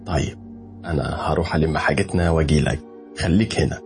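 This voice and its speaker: A man's voice: a bass voice, fast, over music. A man playing a loyal young male friend who talks in an anxious, caring way, with an Egyptian Arabic accent. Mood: explaining.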